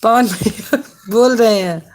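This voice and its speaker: A woman's voice: fairly high pitch, slow pace. A woman hosting a casual live stream on her phone, greeting viewers by name and laughing often. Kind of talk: casual live-stream chat reading comments.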